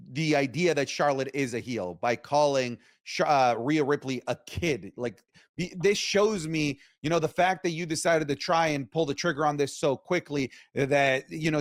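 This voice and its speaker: A man's voice: fairly high pitch, dry recording, clean studio sound. A man co-hosting a casual wrestling discussion, giving opinionated commentary with emphasis. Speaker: wrestling talk show co-host.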